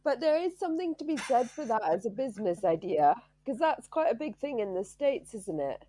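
A woman's voice: a little high, big pitch swings, fairly quick, mellow, a little hiss or hum. A woman co-hosting a casual podcast, sounding sick and tired, with a dry, matter-of-fact wit. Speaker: podcast co-host.

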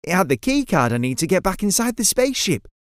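A man's voice: mid-range voice, big pitch swings, fairly quick, dry recording, studio quality, close to an everyday voice. A man voicing an earnest, curious adult space captain who talks in a raised, eager voice. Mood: anxious.

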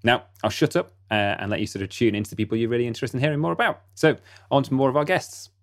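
A man's voice: medium pitch, fast. A man hosting a podcast, opening the episode in a rambling way with repeated words. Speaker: podcast host. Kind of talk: podcast host intro.

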